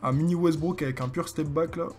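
A young man with a French accent commentating his own basketball video game, excitable and joking as he hypes his plays. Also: a little high, fairly quick, faint music behind. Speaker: gaming streamer. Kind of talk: live gameplay commentary.

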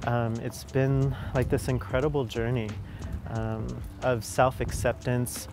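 A man's voice: mid-range voice, flat delivery, measured pace. A man, a clinician, giving earnest, heartfelt interview answers with a few hesitations. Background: music.

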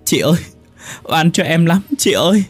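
A man's voice: on the high side, animated, moderate pace, slightly rough, soft background music, pitched above the performer's own voice. A man voicing a frightened young woman who cries out and pleads in a horror audiobook. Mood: desperate. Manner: crying out, pleading.

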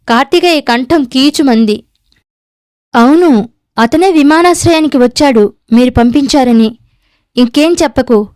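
A woman's voice: high-pitched, a little mellow, no room sound, studio quality. A woman narrating a novel aloud, reading every character's lines herself in a near-natural voice. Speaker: audiobook narrator.

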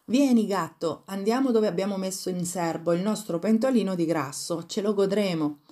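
A woman's voice: mid-range voice, moderate pace, mellow, natural voice. A woman voicing a small, trusting male mouse in a fairy tale reading, with a raised, wondering voice. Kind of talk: storybook reading.

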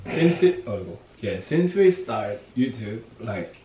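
A young man with a Korean accent, speaking in halting, simple English as a non-native speaker while his mouth is partly full from eating, chatting casually as a channel co-host. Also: lowish voice, very animated, warm tone. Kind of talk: casual chat. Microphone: built-in camera mic at a distance. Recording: echoey room, far mic, noisy.

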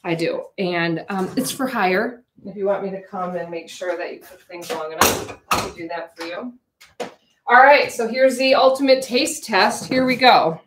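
With background noise around her, a woman in her forties talks at a moderate pace and medium pitch while baking on a live cooking stream. She chats loosely with viewers from her home kitchen, picked up by a counter-mounted camera.

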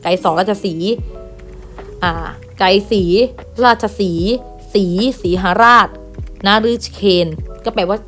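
Female primary teacher, patient list-reading lesson voice, mid pitch, faint music underneath. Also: slow pace. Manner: patient, reads each word aloud and repeats with gentle "na kha" tags. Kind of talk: online class lesson, reading word lists.

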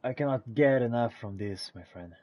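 In character as a reflective, companionable fantasy adventurer, a man narrates his game journey in theatrical, archaic language. His medium-pitched voice runs at normal speed and is lightly acted, with no echo but dull audio.

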